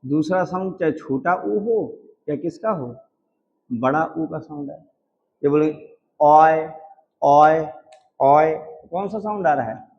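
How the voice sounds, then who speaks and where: A man's voice: on the high side, a little mellow, lo-fi sound, a little hiss or hum. A man from India teaching a shorthand class. He keeps asking a question and answering it himself, and he stretches out sounds to demonstrate them. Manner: drawn-out repeated sounds for demonstration. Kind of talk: classroom lecture.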